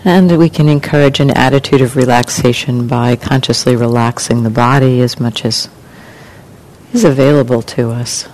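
In a low-quality recording marked by an obvious background rumble, a female meditation teacher leads a guided session. Her phrasing is soft, calm and unhurried, with long silences between lines.

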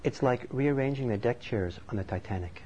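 Speaking at an ordinary middle pitch, a Norwegian man teaching meditation gives an unhurried, thoughtful, conversational dharma talk in a mellow voice. A faint hiss of background noise accompanies the slightly muffled sound.

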